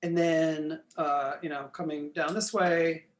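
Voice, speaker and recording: In a recorded lecture, a man indicates features on a map while struggling with a failing voice, clearing his throat often and apologizing. He speaks slowly in a fairly high voice with little pitch movement.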